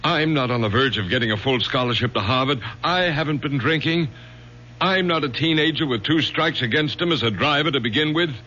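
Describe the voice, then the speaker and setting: A male actor, mid-range and a little fast, sounds pushed and bright yet close to his everyday voice while playing a strict middle-aged professor and father. His lines are firm and clipped, in the manner of a 1970s radio play, and the dull vintage audio hums faintly.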